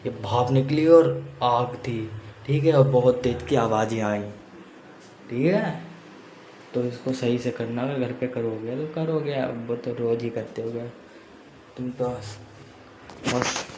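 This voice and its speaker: A man's voice: mid-range voice, dark tone. A man teaching a chemistry lesson, repeating points and often checking in with students. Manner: repeats points, frequent "theek hai" check-ins. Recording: echoey room with faint noise.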